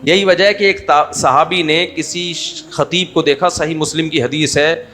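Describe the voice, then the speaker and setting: A man's voice: fairly high pitch, fairly even intonation, bright, forceful tone, slight background noise. A middle-aged man with a Pakistani Urdu accent giving a humorous religious talk, conversational, with mocking asides. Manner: conversational, mocking asides, acts out quoted voices. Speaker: Islamic scholar giving a talk.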